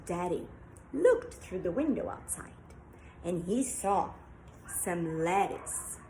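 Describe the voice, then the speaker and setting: Slow, sing-song woman storyteller. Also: fairly low pitch, expressive, darkish tone, slight background noise, low-quality recording. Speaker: storyteller for young learners. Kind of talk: children's storytelling.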